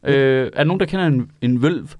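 A man's voice: medium pitch, darkish tone, dry recording. A man in casual podcast chat, loose and profane, laughing often.

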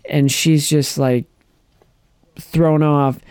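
A man chatting casually on a podcast, retelling a TV episode with lively acted-out lines and frequent restarts. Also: fairly high pitch, extremely slow, clean tone, no echo, clean studio sound. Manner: animated storyteller, acts out characters' lines, restarts often. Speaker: podcast co-host. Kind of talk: casual chat recapping a TV episode.

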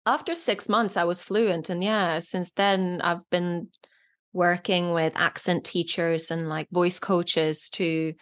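A woman's voice: lowish voice, steady tone, takes it slowly, fairly bright tone. A woman in her thirties, born in Norway, with a British-leaning accent and Norwegian as her first language, chatting as a guest with many fillers. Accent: British-leaning, not clearly foreign. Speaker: actress, guest. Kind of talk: casual interview chat.

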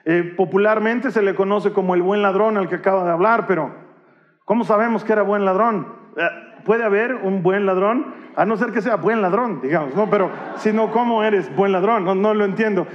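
A male pastor, preaching a sermon with animated delivery and humorous acted-out Bible scenes. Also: high-pitched, normal speed, big-room sound, lo-fi sound.

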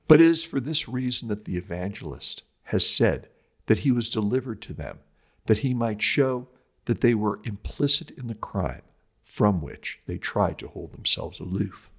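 This is a man with a fairly low, husky voice reading religious commentary from a script. He lectures in a measured, emphatic way and places dramatic stress on the scripture he quotes.

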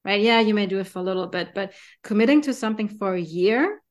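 A woman's voice: mid-range voice, animated, fast talker. A woman with a German accent co-hosting a podcast, chatting in an enthusiastic, conversational way and often tagging sentences with "right?". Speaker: podcast co-host. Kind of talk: casual podcast chat.

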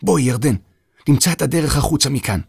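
A man voicing a startled young boy who is quick to take offense, in a children's audio story. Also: medium pitch, vocal fry, a little mellow, slightly rough, no room sound, studio quality, voice pushed up. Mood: bewildered.

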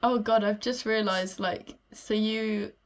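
A woman's voice: medium pitch, fairly even intonation, slow. A woman co-hosting a podcast, chatting frankly and laughing often, currently ill with a sore throat. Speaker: podcast co-host. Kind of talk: casual chat.

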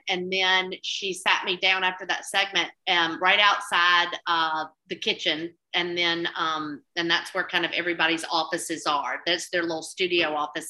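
A cookbook author and TV food contributor with a Southern US accent chats casually in an interview, rambling and restarting often. Her lowish voice has a sharp tone, and the recording quality is low.

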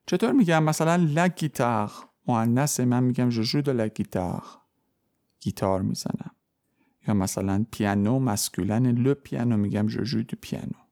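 A man teaches a podcast language lesson in a mellow, relaxed voice. He explains grammar step by step with patience. He slows down to say each example sentence carefully. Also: medium pitch. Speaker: French teacher.

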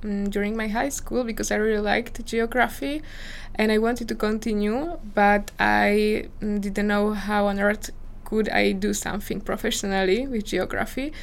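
A woman's voice: mid-range voice, steady tone, normal speed, creaky. A woman in her twenties from Slovakia with a Slovak accent, answering interview questions earnestly in English as a non-native speaker, searching for her words. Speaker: visiting scholar guest.

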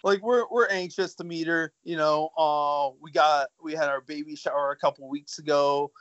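A man's voice: a little high, steady tone, moderate pace, fairly bright tone, dry recording. Chatty jokey young man, dull dry sound. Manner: jokey, chatty, laughs easily. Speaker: guest artist. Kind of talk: casual chat.

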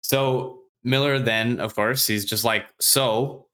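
A man on a podcast casually retelling a novel's chapters, acting out the characters' lines in quick, offhand voices and swearing freely. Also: medium pitch, steady tone, bright, forceful tone. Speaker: podcast host recapping a book. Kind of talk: casual chat.

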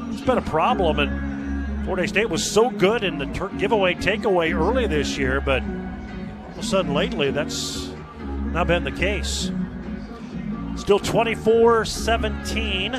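A man calling football play-by-play in live sports commentary. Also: sits high. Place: outdoor football stadium broadcast.

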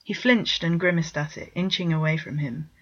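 A woman narrating a short written story in a steady, even reading voice, on a dull lo-fi recording. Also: low voice, normal speed.

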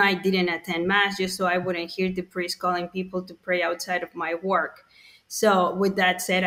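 A woman speaks as a podcast guest, candid and matter-of-fact. Her voice sits fairly low for a woman, and her pitch barely moves. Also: a bit bright. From Mexico. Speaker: guest, pro-life ministry worker. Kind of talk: podcast interview.

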